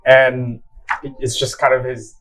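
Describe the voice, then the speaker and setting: A woman's voice: extremely low pitch, level tone, unhurried, slight background noise, rough recording. A woman player in a tabletop game who talks in a hesitant, giggly way with many fillers. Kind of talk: casual tabletop game play.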